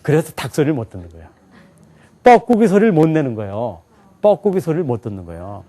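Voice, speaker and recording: A man's voice: on the high side, big pitch swings, fast talker, dark tone. A man teaching a lecture to a live class. He keeps asking the students questions and then answers them himself. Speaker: English teacher.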